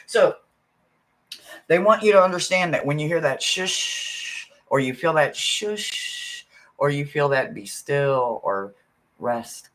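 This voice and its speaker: A man, a spiritual card reader, talking casually to his viewers in a rambling way, often adding "right?" and swinging from soft murmurs to loud bursts. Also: medium pitch. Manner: rambling, keeps asking "right?". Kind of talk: casual spiritual livestream talk.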